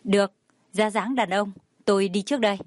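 A woman voicing a quick, teasing young male student. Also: medium pitch, steady tone, no echo, studio quality, lightly acted. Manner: brisk, joking.

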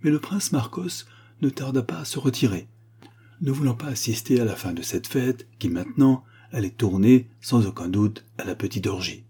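A man reading a novel aloud as audiobook narration, measured and storytelling. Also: medium pitch, expressive, dark tone, slightly rough. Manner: measured storytelling with acted quotes. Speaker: audiobook reader. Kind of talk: scripted narration.

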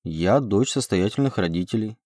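A man reading an audiobook, voicing a proud, sharp-tongued young woman who answers with biting retorts. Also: on the low side, lively intonation, moderate pace, no room sound, clean studio sound. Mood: guarded.

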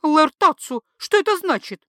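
A woman's voice: expressive, moderate pace, sharp tone, no echo, clean studio sound. A woman voicing an indignant young wife who screeches back at her jealous husband. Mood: alarmed. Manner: shrill, indignant, high-pitched. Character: shrill, furious young wife.

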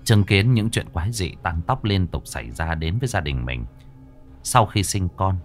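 A man narrating a ghost story in a slow, somber way. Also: sits low, expressive. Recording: faint music behind the voice.

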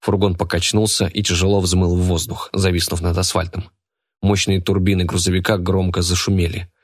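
Low-voiced male audiobook narrator. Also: no echo, clean studio sound.

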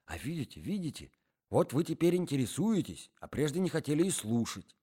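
Brief: jealous young man, hushed and clipped, read by a man. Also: on the high side, very animated, brisk, slightly rough, voice pushed up. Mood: hushed tense. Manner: whispering, terse.

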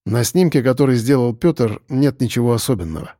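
A man reading an audiobook, voicing a stern man who speaks calmly and matter-of-factly. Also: medium pitch, a little fast, dry recording, studio quality, natural voice. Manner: calm, matter-of-fact.

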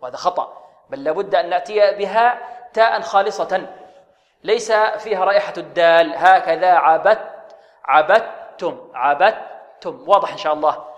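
A man's voice: high-pitched, highs cut off. Guy teaching quran reciting, acts out right and wrong sounds, quizzes and answers himself, lots of reverb. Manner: models correct and wrong pronunciations, drawn-out chanting; asks questions and answers them himself. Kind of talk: tajweed lesson.

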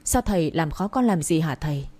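A woman's voice: deep voice, expressive, brisk, warm tone. A woman reading the part of a stubborn young man, a village doctor, insisting and pleading with his father.

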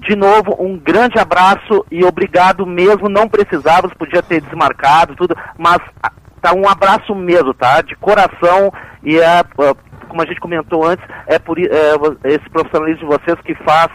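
Guy hosting a radio show, lots of uhs, teasing, fairly high voice. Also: steady tone, normal speed, a bit bright, rough recording. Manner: hesitant, many fillers, playful teasing. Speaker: radio host. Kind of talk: radio interview.

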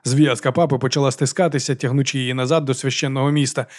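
A man narrating a fantasy audiobook in a brisk, tense storytelling manner. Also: mid-range voice, flat delivery, darkish tone.

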